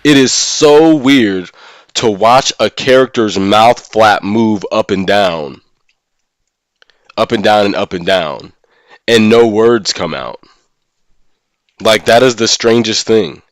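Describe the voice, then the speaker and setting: A live streamer and gaming content creator casually discusses a mobile game, thinking out loud and sharing opinions. His voice is lowish and slow-paced, recorded in studio quality with no room sound.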